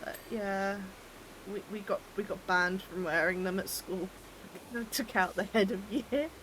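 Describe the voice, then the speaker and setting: A woman's voice: mid-range voice, unhurried, a bit bright, a little hiss or hum. Chatty British woman streamer, teasing. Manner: chatty, teasing, laughs often, stumbles and repeats words. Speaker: game streamer. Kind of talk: casual chat while gaming, reading chat.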